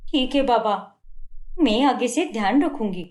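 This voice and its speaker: Young cartoon wife, patient but hurt, played by a woman; high and lively. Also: a little slow, echoey room. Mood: pleading. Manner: pleading, defensive.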